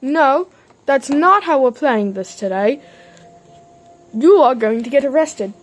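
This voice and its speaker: A woman's voice: sits high, expressive, slow, a little hiss or hum. A woman voicing all the characters in a playful homemade toy-train drama, jumping between silly character voices. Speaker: fan series voice actor.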